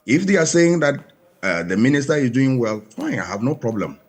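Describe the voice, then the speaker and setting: A man's voice: medium pitch, sing-song, a little fast, breathy edge. A man with a Ghanaian English accent, a panel guest giving emphatic commentary full of rhetorical questions.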